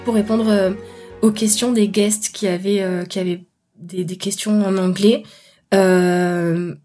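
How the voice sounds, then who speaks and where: A young woman from France chatting halfway through her story, halting and laughing now and then as she tells it. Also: medium pitch, steady tone, mellow, soft background music. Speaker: interviewee recounting work abroad. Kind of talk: casual spoken testimony.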